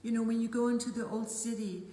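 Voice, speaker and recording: A woman's voice: a little high, steady tone, fast, warm tone. Earnest older woman, echoey room. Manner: earnest, emotional, repeats phrases. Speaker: ministry co-host. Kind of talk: casual faith testimony chat. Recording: echoey room with long reverb.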